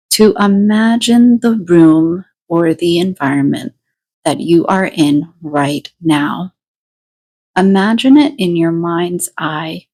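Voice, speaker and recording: A woman guides a meditation, speaking deliberate instructions in brief phrases separated by pauses. Her voice is fairly low, with a somewhat dark tone.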